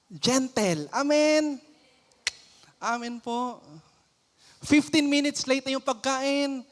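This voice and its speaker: A Filipino man preaching a lively church sermon, playful, acting out everyday scenes and mixing in English phrases. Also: very high-pitched, takes it slowly. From Philippines. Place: church sanctuary. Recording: long church hall reverb.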